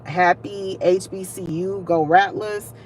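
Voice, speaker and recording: A woman's voice: medium pitch, fairly even intonation, slow, slight background noise. A young woman, hosting a casual livestream, chatting and venting directly to her viewers. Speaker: livestream host.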